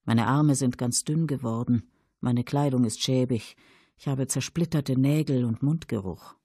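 A man voicing a tense middle-aged mother who pleads and justifies herself urgently, in a husky, creaky voice. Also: mid-range voice, unhurried, mellow, dry recording, pitched above the performer's own voice. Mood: urgent, pleading. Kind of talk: audiobook character voice.

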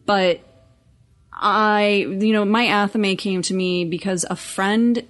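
A woman co-hosting a casual podcast chat, relaxed and storytelling, often finishing her partner's sentences. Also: medium pitch, takes it slowly. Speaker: podcast co-host.

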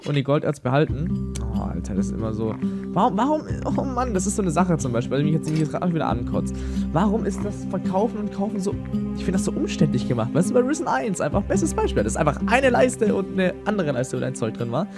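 A man's voice: high-pitched, sing-song, fast. A young man giving casual gameplay commentary, thinking aloud in a slangy, rambling way. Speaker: let's player. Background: game music.

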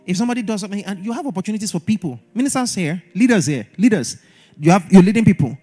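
A man delivering an animated church sermon in a very high voice that swings widely up and down. He drives his points home by repeating short exhortations and acting out little dialogues. Faint music sits under him. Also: rapid-fire. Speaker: pastor. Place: church service.

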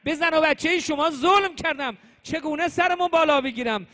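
A man's voice: extremely high pitch, pushed and bright, pitched above the performer's own voice. A man voicing an ashamed, repentant warrior who begs forgiveness in a raised, anguished voice. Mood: ashamed pleading. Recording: long hall reverb.

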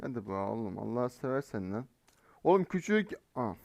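A man giving live gameplay commentary as a mobile game streamer, excitable and teasing in slangy banter. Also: medium pitch, normal speed, vocal fry, dry recording. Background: faint game gunfire.

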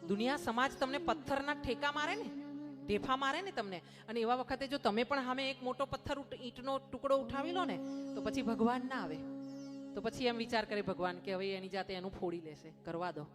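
A woman's voice: on the high side, steady tone, a little fast. A woman preacher telling a devotional story in a sermon, emphatic and often checking in with her listeners. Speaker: katha preacher. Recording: music clearly behind the voice.

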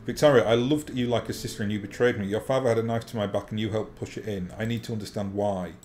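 A man's voice: on the low side, steady tone, fast, darkish tone, close to an everyday voice. A man reading the game part of an earnest, dignified noblewoman leader, formal, reproachful and resolute. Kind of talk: reading game dialogue aloud in character. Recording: faint background noise.

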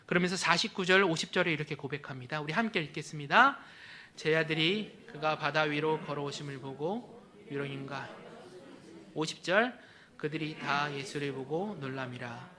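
Male pastor, sermon delivery in a church: high-pitched and piercingly bright, emphatic, with phrase ends that trail to a near whisper. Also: moderate pace.

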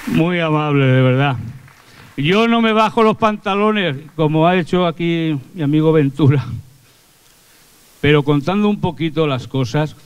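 Doing live stand-up on a theatre stage with a handheld mic, this older comedian and singer spins chatty, folksy, crude jokes laced with slang. His voice is on the high side and smooth, at a measured pace, in a dry recording.

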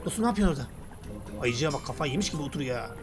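Excitable guy doing game commentary, slangy banter, some background music. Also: a little high, racing. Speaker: gaming YouTuber. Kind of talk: let's play commentary.

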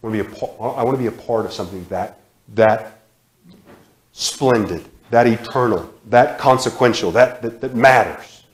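A man in his thirties preaching a sermon in a church sanctuary, repeating phrases with emphasis and sudden drops to a hush. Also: mid-range voice, normal speed. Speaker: guest preacher. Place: church sanctuary, large indoor room. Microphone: far camera, room mic. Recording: echoey church hall.

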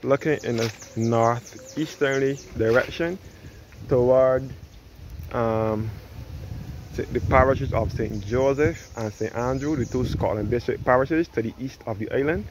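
A travel vlogger gives an informal walking tour in a churchyard on a cliff, speaking at medium pitch in an unhurried way and often repeating or rephrasing as he explains. He records on a handheld phone camera, yielding dull lo-fi outdoor audio with background noise.

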